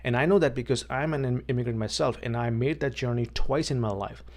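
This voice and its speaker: A Pakistani man who works as a vlogger and realtor talks plainly to the camera outdoors, often repeating words and checking in with "okay." His medium-pitched voice is a little mellow, and he speaks fast in this casual to-camera chat.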